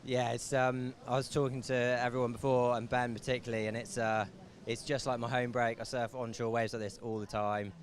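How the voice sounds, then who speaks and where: A man's voice: mid-range voice, level tone, a little fast. A man from England, a surfer, answering a post-heat interview on the beach in an easygoing way with frequent fillers. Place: beach, outdoors.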